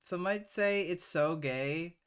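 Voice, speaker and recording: Slow-talking joking man on a livestream. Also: fairly high pitch, a bit bright, clean tone. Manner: joking, stumbling over the ad read. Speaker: cast member and stream host. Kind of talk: casual livestream banter and sponsor read.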